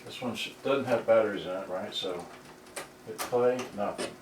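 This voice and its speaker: With a lowish voice, a repairer thinks aloud in halting mutters while showing off cassette players in an informal, unplanned demonstration. A tripod-mounted camera placed a ways off captures him, making the audio roomy and distant, with loud noise in the background.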